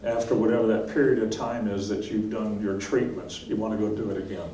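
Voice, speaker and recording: With a warm tone and fairly even intonation, this beekeeping instructor speaks briskly in a voice on the low side. He fields class questions plainly and practically, checking in with "okay?" often, recorded from a distance in an echoey room with a little background noise.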